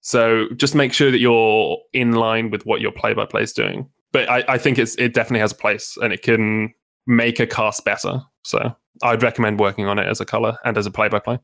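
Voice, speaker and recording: A man's voice: fairly low pitch, fairly even intonation, brisk, gravelly, fairly bright tone. A man, a guest esports caster, talking casually at length in a podcast interview, often restarting his sentences. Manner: chatty, explains at length with many restarts.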